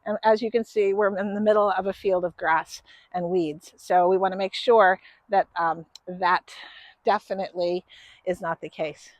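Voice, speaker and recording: A woman hosting a gardening video outdoors, explaining her planting in a relaxed, chatty way. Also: mid-range voice, normal speed, no echo. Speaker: gardening channel host. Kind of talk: casual how-to gardening talk. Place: outdoors in a garden bed in a grassy field.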